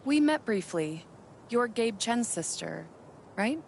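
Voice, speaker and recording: Game role: sympathetic woman, grief-counselor gentleness, creaky voice, faint ambient noise. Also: fairly high pitch, very animated, slow pace, full character voice. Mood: gentle sympathy. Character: sympathetic townswoman offering condolences to a bereaved sister. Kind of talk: video game dialogue.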